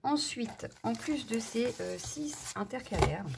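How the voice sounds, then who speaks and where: A woman's voice: on the high side, expressive, slow, gravelly, very noisy. A woman chatting casually through a craft haul, hesitant and full of fillers. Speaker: craft vlogger.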